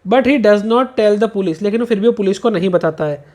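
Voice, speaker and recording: A man teaching a revision lesson, reading English lines slowly and then explaining them quickly in Hindi. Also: high-pitched, darkish tone.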